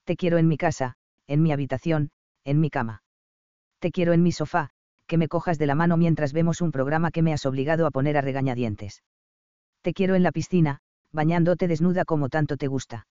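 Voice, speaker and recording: A man reading the part of a confident, tender and possessive lover, speaking low and intimately. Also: brisk, mellow, smooth, no room sound, close to an everyday voice. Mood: tierno, firme. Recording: dull, dry audiobook recording.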